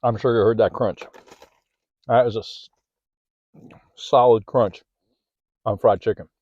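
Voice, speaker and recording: A man's voice: mid-range voice, fairly even intonation, a little slow, a little mellow, dry recording, lo-fi sound. A man hosting a casual food vlog, chatting as he eats, sometimes with his mouth full, filming one-handed in a parked car. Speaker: food vlogger. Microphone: handheld phone or camera.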